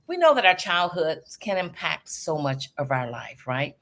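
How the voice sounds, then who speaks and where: Effusive low-voiced woman host in her fifties. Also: sing-song, measured pace, a bit bright. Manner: effusive and enthusiastic, with gushing exclamations. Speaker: podcast host. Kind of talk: podcast interview.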